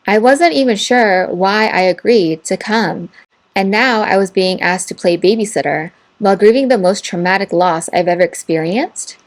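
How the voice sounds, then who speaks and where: Woman narrator reading posts steadily. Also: mid-range voice. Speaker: story narrator. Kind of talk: reading online posts and comments aloud.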